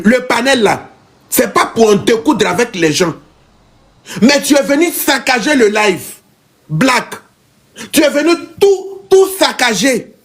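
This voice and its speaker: A man's voice: extremely high pitch, fairly bright tone. A man hosting a live online panel, talking in an emphatic, argumentative way and pushing back at his guests.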